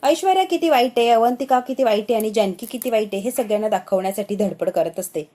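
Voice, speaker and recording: A woman narrating a television serial episode recap in a rapid, dramatic retelling. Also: fairly high pitch, warm tone.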